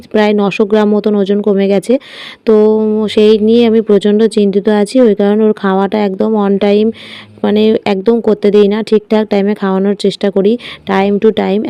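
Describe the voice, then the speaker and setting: A woman's voice: medium pitch, dark tone, clean tone, dry recording, highs cut off. A woman, a vlogger chatting through her daily routine in a casual voice-over.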